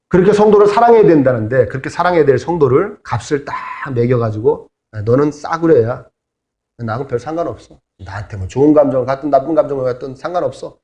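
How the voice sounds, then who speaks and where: A man's voice: on the high side, darkish tone. A middle-aged man preaching as a pastor, in a conversational sermon with humorous asides. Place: church sanctuary. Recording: echoey church hall.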